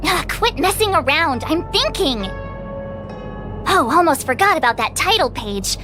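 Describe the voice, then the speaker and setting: A woman voicing an excitable, theatrical young girl detective in a video game, playful and dramatic. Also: sits high, unhurried, music in the background. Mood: musing, determined. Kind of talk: animated video game voice acting.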